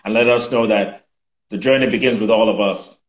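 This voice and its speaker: A man in his fifties from Nigeria, a guest speaking in a measured, reflective way with many fillers over a video call from a room at home. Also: on the low side, fairly even intonation, roomy sound, poor audio. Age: 50s. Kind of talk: conversational interview.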